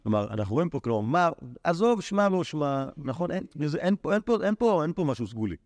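A man's voice: fairly high pitch, sing-song, darkish tone, no echo. A man, a rabbi teaching a Talmud class to students, reading the text aloud and then explaining it in everyday speech with many restarts.

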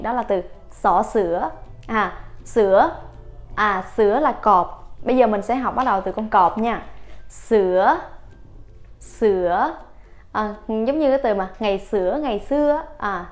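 A woman teaching a vocabulary lesson, a little hoarse from a coming cold, repeating each word several times. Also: fairly high pitch. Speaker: Thai language teacher. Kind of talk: slow, patient vocabulary lesson.

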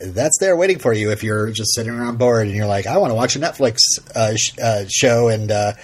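A man's voice: fairly low pitch, fairly quick, husky. A man co-hosting a podcast in a casual chat, rambling with many restarts and fillers. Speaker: podcast co-host.

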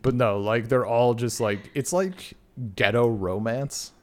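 A man's voice: medium pitch, unhurried. Rambling Upper Midwest podcast guy. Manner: rambling, lots of "like" fillers. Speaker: podcast host. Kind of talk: casual podcast chat.

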